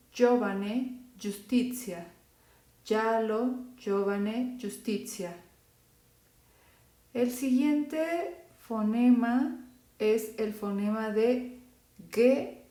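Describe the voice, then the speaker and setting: Female language teacher, dark and mellow tone, unhurried delivery, echoey room. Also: a little high. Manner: slow, careful, repeats example words. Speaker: Italian teacher. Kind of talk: phonetics lesson for Spanish speakers.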